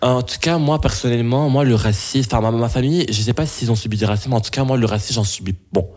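A young man from Belgium answering interview questions, halting and full of restarts and fillers. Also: mid-range voice, darkish tone.

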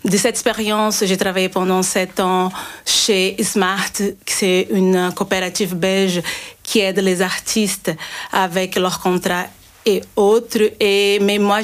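Radio guest: middle-aged Brazilian woman, earnest, restarts often, mid pitch. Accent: Brazilian Portuguese. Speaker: guest, cybersecurity consultant. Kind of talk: radio interview.

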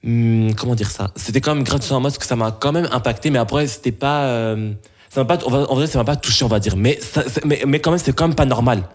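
A young man from Belgium answering interview questions, halting and full of restarts and fillers. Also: mid-range voice.

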